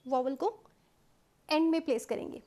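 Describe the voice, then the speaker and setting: Indian lady shorthand teacher, high voice, patient, keeps saying okay. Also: mellow. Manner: patient explaining, frequent "okay" checks, mixes English terms into Hindi; slows right down to dictate English rule lines. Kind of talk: step-by-step shorthand lesson.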